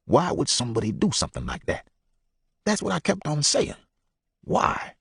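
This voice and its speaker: Frightened runaway father, halting broken speech, gravelly and husky, as voiced by a man. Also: a little high, wildly swooping pitch, no echo, clean studio sound, heavily acted. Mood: anguished. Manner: broken grammar, halting, hushed.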